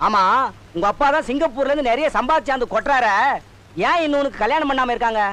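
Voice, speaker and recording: An actor playing a nosy village shopkeeper in a film comedy, prying and teasing. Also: male voice, very high voice, fast talker, a bit bright.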